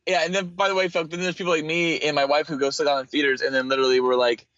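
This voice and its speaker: A man's voice: on the high side, flat delivery, rapid-fire, fairly bright tone. A man co-hosting a casual podcast chat, joking and teasing his co-host. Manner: joking, teasing, laughs easily. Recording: dull lo-fi mic.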